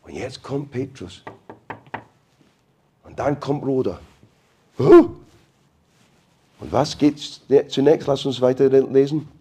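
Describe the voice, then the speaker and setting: A man's voice: mid-range voice, animated, unhurried, pauses often, dark tone, breathy edge. A male preacher retelling a Bible story in a sermon, playful and asking his listeners questions. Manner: playful, asks the congregation questions.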